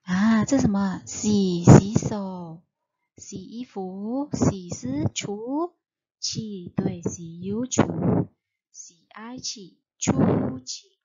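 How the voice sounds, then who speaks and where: A Malaysian woman teacher spelling out syllables slowly for young children in a reading lesson. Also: medium pitch, warm tone, husky, muffled recording. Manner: slow, drawn-out spelling of letters and syllables. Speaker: primary school teacher.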